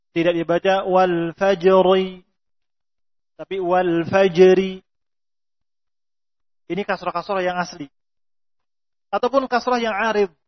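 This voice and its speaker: A man with a high voice teaches Quran recitation rules. He reads out Arabic lines slowly, then explains each point plainly and stretches out sample words to show the sound. The recording is dull and lo-fi. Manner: drawn-out demonstration of Arabic pronunciation. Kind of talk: explaining tajweed rules from a text.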